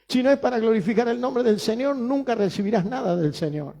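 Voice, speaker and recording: Male pastor, Rioplatense accent, high mellow voice, emphatic sermon delivery with rhetorical questions. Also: brisk, gravelly. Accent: Rioplatense Spanish. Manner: emphatic preaching, repeats phrases, rhetorical questions.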